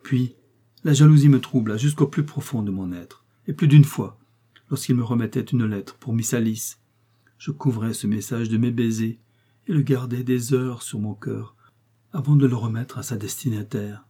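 A man's voice: mid-range voice, moderate pace, mellow, slightly rough, close to an everyday voice. A man voicing a nervous aging woman servant who trembles and sobs as she pleads. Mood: tearful confession. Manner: trembling, sobbing pleas.

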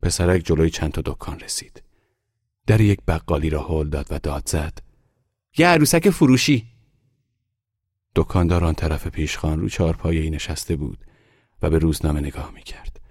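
A man reading a literary short story aloud in slow, measured audiobook narration. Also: a bass voice, fairly even intonation, mellow, no echo, studio quality.

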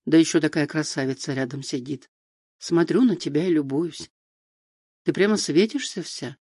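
A man voicing a kind, earnest older teacher, speaking gently in an audiobook. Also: a little high, moderate pace, breathy edge, dry recording, studio quality. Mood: gentle.

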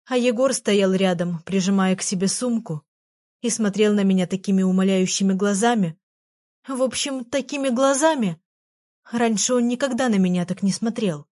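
A woman narrating a children's story aloud in an expressive, storytelling manner. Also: mid-range voice, moderate pace.

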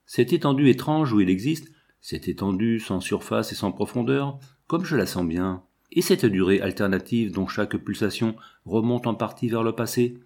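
A man's voice: lowish voice, animated, moderate pace, hardly any pauses, darkish tone, slightly rough. A man reading a fervent young lover.

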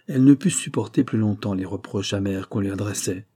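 Husky-voiced man reading a classic novella. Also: fairly low pitch. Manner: measured, expressive narration. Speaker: audiobook narrator. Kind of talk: literary audiobook reading.

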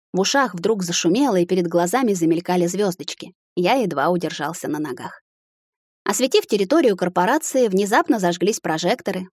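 A woman reading a novel aloud as an audiobook narrator, in a steady, even storytelling manner. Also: lowish voice, no echo, studio quality. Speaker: audiobook reader. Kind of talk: scripted narration.

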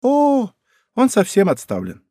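A man voicing a lively, gossipy young court lady in an audiobook, exclaiming in a raised voice. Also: unhurried, no echo, clean studio sound, exaggerated voice. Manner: excitable, exclaiming, higher put-on pitch. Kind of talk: audiobook character voice.

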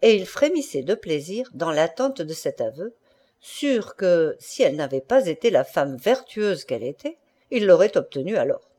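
A woman reading a classic short story aloud as an audiobook narrator, in an expressive literary style. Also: lowish voice, normal speed, husky. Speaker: audiobook reader. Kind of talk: scripted narration.

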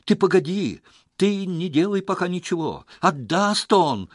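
A male narrator playing a cautious village man, speaking in a hushed, wary and unhurried way. The sound is dry and close to the mic. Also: low voice, animated, dry recording, voice pushed down, exaggerated voice. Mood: urgent.

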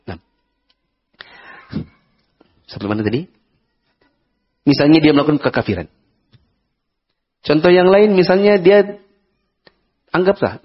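In a dull, lo-fi lecture recording, an Indonesian-accented man with a fairly high, breathy-edged voice leads a conversational Islamic study session. He poses questions to listeners and acts out examples.

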